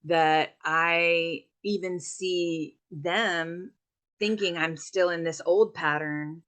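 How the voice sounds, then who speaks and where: A woman's voice: on the low side, fairly even intonation, extremely slow, a bit bright. A middle-aged woman, a meditation teacher, speaking reflectively in a conversational interview with loose, rambling restarts.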